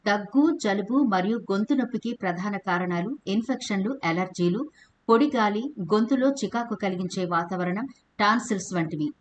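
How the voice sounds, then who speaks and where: A woman hosting a home remedy channel, reading a steady scripted explanation and addressing viewers as friends. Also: mid-range voice, brisk. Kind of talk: scripted voice-over narration.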